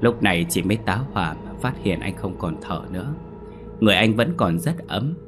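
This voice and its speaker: A man narrating a scripted ghost story in a steady, solemn reading. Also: lowish voice, normal speed, music in the background.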